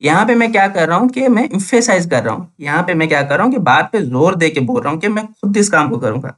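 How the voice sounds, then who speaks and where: A young man with a high, expressive and slightly bright voice talks fast as he teaches English grammar in Hindi mixed with Urdu words. In this classroom-style lesson he repeats every point and asks questions he answers himself.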